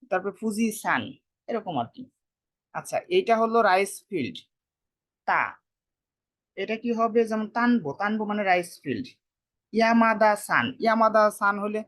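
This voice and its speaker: A language teacher talks through vocabulary in a casual lesson. The delivery is unhurried, with frequent repetition of each word. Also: mid-range voice, fairly bright tone. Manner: explains slowly, repeats words, casual colloquial speech.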